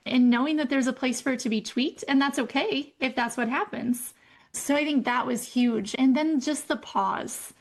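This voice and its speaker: A woman co-hosting a podcast, telling a personal story candidly and laughing often. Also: on the high side. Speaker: co-host. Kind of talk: casual podcast chat.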